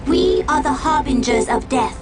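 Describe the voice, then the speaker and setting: Woman as a menacing high-voiced alien herald of death. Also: normal speed, lightly acted. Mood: grim menace. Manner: solemn, menacing, declamatory. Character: grim female Eldar warrior, herald of death and doom. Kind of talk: video game unit voice lines. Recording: loud game music behind. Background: loud music.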